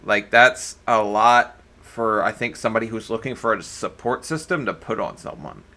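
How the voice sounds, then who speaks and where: A man's voice: fairly low pitch, moderate pace. A man hosting a reaction video, giving blunt, crude casual commentary. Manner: blunt, crude jokes, animated.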